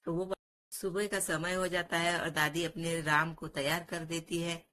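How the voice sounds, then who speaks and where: Casting: woman storyteller, lower voice, casual spoken narration. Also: flat delivery, unhurried, pushed and bright. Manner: plain conversational telling with restarts.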